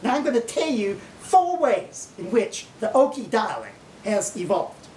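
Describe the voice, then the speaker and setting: A woman putting on a proud, folksy Oklahoma woman who lectures in an emphatic, drawn-out Okie accent. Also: very animated, mellow. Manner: slow drawn-out drawl, emphatic. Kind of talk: mock lecture on dialect. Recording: roomy, distant mic, faint rumbling noise.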